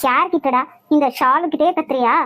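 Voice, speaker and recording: A woman with a Nagercoil Tamil accent voicing a feisty young woman in a cartoon, loud and quick-tongued. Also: high voice, poor audio. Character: feisty young woman job-seeker, brash and fearless. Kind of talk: cartoon voice acting.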